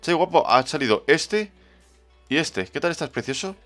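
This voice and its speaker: A man's voice: on the high side, expressive, moderate pace, a bit bright, soft background music. A man with a Spain Spanish accent streaming a game, chatting casually and greeting viewers from the chat by name. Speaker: livestreamer. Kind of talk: casual livestream chat, reading the chat.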